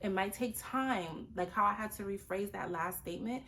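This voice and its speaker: A woman hosting a casual motivational talk, earnest and repeating her points for emphasis, rising high in pitch when she acts out what others say. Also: moderate pace, bright, forceful tone. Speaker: host.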